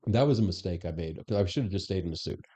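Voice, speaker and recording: Interview guest, middle-aged man, low dark voice, storytelling with quoted dialogue, dull recording. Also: animated, fast, breathy edge. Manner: anecdotal, acts out quoted dialogue. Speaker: interview guest, former police superintendent. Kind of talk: conversational storytelling.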